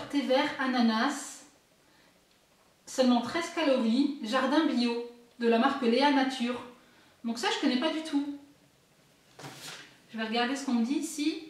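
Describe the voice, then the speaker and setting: A woman chatting casually as she unboxes products, reading the labels aloud with enthusiasm. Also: high voice. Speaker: unboxing vlogger. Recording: very echoey room, distant mic.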